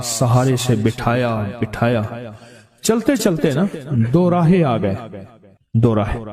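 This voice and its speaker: An animated man preaching and telling a story, emphatic and fond of repeating his phrases. His voice sits a little high and swings widely. A crowd is clearly heard around him. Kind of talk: sermon storytelling.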